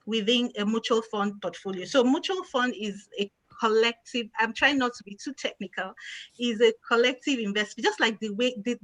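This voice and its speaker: A woman's voice: a little high, a bit bright, dry recording, rough recording. A woman, answering audience questions as an investment expert, patient and plain, stressing key words. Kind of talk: explanatory Q&A answers.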